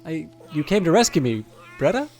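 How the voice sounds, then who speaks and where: A man's voice: a little high, sing-song, fairly quick, darkish tone, faint music behind, pitched above the performer's own voice. A man voicing a timid, forlorn young bug girl from a game, plaintive, hesitant and self-pitying. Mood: shy, flustered.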